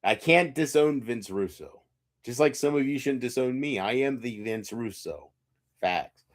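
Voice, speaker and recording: A man's voice: medium pitch, lively intonation, unhurried, no room sound, clean studio sound. A man livestreaming alone, talking drunk, rambling and profane with his chat.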